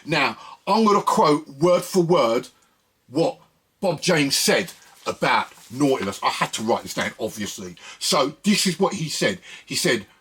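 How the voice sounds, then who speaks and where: A man with a mid-range, slightly bright voice and lively intonation hosts a music video series, chatting unhurriedly and directly to viewers about records and samples. He sprinkles in frequent "listen" and "yeah," and there's a little hiss or hum.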